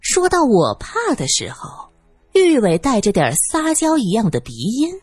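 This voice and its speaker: A woman narrating an audiobook story in an expressive, dramatic storytelling manner. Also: mid-range voice, unhurried, husky, dry recording.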